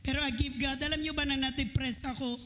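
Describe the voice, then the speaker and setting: A woman preaching a sermon at a church service, sharing a personal testimony in an animated way, often laughing and sometimes breaking into shouts. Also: high-pitched, quick pace.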